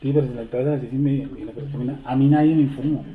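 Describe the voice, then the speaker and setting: Very fast but steady in tone, a man with a medium-pitched voice teaches a Torah study class, reading scripture aloud and constantly asking rhetorical questions. The recording has a tinny, echoey quality, like a phone.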